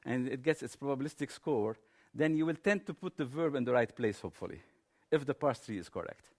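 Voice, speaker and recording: A man's voice: medium pitch, lively intonation, a little fast. A man giving a technical conference presentation in an informal, explanatory manner.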